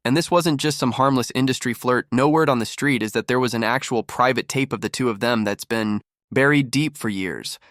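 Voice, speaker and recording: A man's voice: mid-range voice, fairly bright tone, no echo, studio quality. A man delivering scripted gossip commentary as a narrator.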